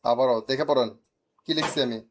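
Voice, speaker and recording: A man teaching Korean, correcting a student's reading and drilling words slowly syllable by syllable, with some teasing. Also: mid-range voice, steady tone, slight background noise.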